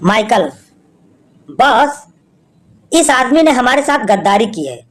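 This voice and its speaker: A woman with a fairly high, very lively voice tells short jokes at a slow, deliberate pace. She acts out each quoted line, lifting and dropping her voice between characters. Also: rough recording. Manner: reads jokes slowly, acting out the quoted lines. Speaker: joke teller.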